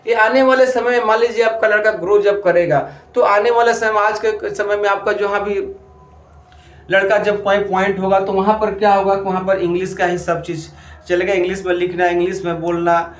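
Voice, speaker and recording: In an echoey room with a board, a man teaching parents speaks at normal speed in a high, level voice. He lays out his advice in steps, frequently restarts sentences, and says "dekhiye", meaning look, over and over.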